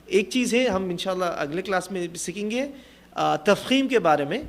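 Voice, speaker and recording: A man teaching Quran recitation in a tajweed class, encouraging his students and demonstrating the verses in a slow, drawn-out chant. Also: sits high, expressive. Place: classroom in Jeddah.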